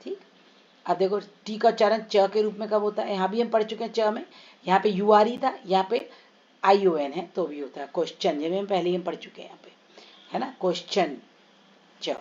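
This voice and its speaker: A woman teaching English pronunciation, slowly stretching and repeating sounds and words for her students. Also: medium pitch, fairly even intonation, darkish tone. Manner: slow, drawn-out repetition of sounds and words. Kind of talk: explanatory pronunciation lesson. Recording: slightly dull lo-fi recording.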